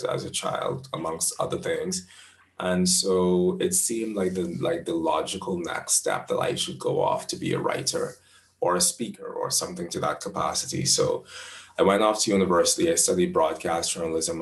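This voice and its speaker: A young Bahamian man in his twenties with a low, gravelly voice, giving thoughtful interview answers. He speaks in a measured way and restarts phrases as he goes. The sound is a little echoey, as if in an open room. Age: 20s. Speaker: astrologer interviewee.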